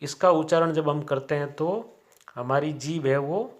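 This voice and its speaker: Slow, deliberate lecturer. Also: male voice, fairly high pitch. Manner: slow, deliberate, spells out sounds one by one with many "a" fillers. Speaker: college Hindi lecturer. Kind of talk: classroom grammar lecture.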